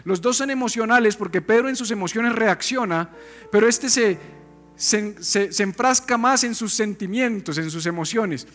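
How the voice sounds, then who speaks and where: High-voiced preacher, animated. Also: male voice, moderate pace, soft background music. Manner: animated, conversational preaching with rhetorical questions. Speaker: pastor. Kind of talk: sermon.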